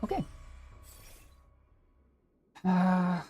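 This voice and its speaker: A game streamer rambles and thinks aloud through casual gameplay commentary in a medium-pitched, expressive, very slow voice. The lo-fi recording carries heavy background noise, with video game music playing behind him.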